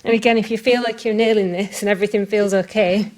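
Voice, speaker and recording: A woman's voice: mid-range voice, steady tone, fast talker, darkish tone, rough recording. A woman leading a bodyweight workout, talking through each exercise while doing it herself, chatty and a bit out of breath. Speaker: fitness coach. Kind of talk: workout instruction. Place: outdoors.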